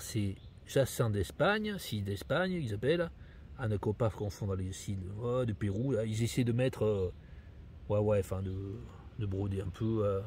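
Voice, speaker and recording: Guy muttering and picking apart websites outside in the woods, lots of ums, bit of hiss behind. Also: mid-range voice. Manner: grumbling, critical, many fillers and restarts. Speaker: nature video maker. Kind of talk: casual commentary reading out web pages. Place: outdoors in a sunny wood.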